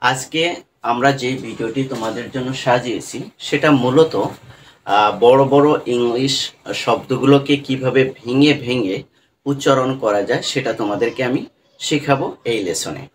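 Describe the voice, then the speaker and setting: Man teaching English pronunciation slowly. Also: medium pitch, recorded from a distance, a little hiss or hum, rough recording. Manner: slow and repetitive, breaking words into syllables. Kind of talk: explaining pronunciation rules to students.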